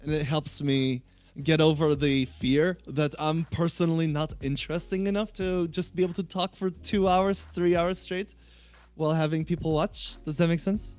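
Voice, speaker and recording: A man's voice: a little high, steady tone, moderate pace, a little mellow, clear, resonant tone, faint music behind. A man who streams game coaching, chatting on a livestream as a guest in a joking, self-deprecating way. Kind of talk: casual chat on a livestream.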